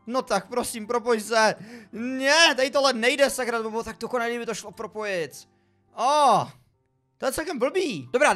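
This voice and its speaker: High-voiced excitable man commenting on a game. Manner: excitable, exclamatory, talking to viewers. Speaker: gaming video creator. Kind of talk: let's play commentary. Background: faint background music.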